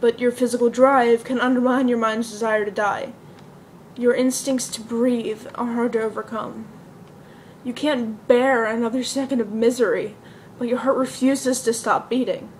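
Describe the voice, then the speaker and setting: The mood turns desperate as a woman, voicing a bleak, depressed young woman in a dramatic stage monologue, speaks with a natural, fairly high voice, unhurried and with fairly even intonation. She sounds earnest and confessional, and the amateur recording has slight noise.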